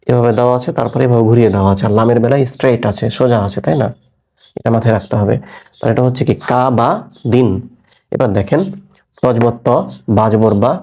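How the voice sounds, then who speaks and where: Man, Quran reading teacher, gravelly voice, dark tone, patient and methodical. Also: mid-range voice. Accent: Bangladeshi Bengali. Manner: patient, spells out letters and vowel marks slowly, checks with "okay?". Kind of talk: step-by-step recorded lesson.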